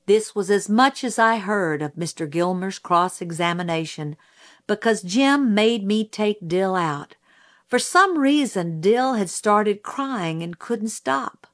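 A woman narrating an audiobook. She reads slowly and carefully, letting each line settle. Her voice is mid-pitched and steady. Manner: slow, measured storytelling.

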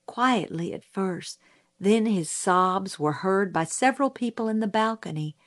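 A woman narrating an audiobook. She reads slowly and carefully, letting each line settle. Her voice is mid-pitched and steady. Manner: slow, measured storytelling.

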